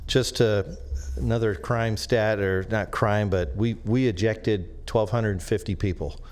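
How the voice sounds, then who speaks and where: Deep-voiced man speaking haltingly at a meeting. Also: steady tone, a little mellow. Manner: halting, with many restarts and fillers. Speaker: business district treasurer addressing the board. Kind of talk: public comment at a government meeting. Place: county board meeting chamber.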